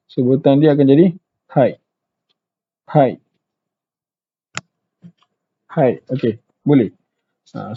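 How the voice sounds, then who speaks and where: A man with a Malaysian accent gives a relaxed language lesson, saying each word slowly and repeating it carefully. He speaks in an unhurried, easygoing way. The sound is thin and tinny, like it comes over a phone line. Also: medium pitch. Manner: repeats words slowly and carefully, many fillers like okey. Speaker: Japanese language teacher. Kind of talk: casual online language lesson.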